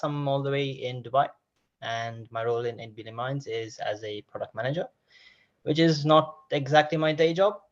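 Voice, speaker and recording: A man's voice: medium pitch, dull audio. A man from Sri Lanka introduces himself on a video call, polite and formal. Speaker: product manager.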